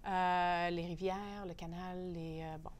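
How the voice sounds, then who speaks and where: A woman with a Canadian French accent, a newspaper columnist who is a guest on an interview show. She gives her views in an animated way and often pauses on "euh.". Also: fairly low pitch. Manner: opinionated, animated, pauses on fillers. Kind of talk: casual interview conversation.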